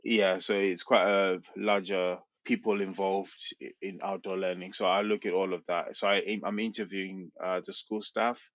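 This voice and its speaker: A young man with a deep voice, a PhD researcher guest on a podcast, explains his work hesitantly and restarts often. His tone is level and fairly bright, his pace moderate with few pauses, and the recording is dull and dry with no room sound.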